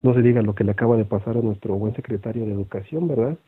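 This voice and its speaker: Over thin, phone-like audio with no echo, a man with a Mexican accent lectures other teachers conversationally in an online session. He talks fast in a lowish, husky voice, peppering his speech with fillers and tag questions.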